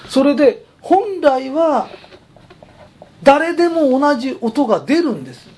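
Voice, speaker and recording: A man's voice: very high voice, big pitch swings, a little slow, a little mellow. A man who runs a company, giving a chatty, emphatic motivational talk. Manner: chatty, emphatic, persuasive storytelling. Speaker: company president.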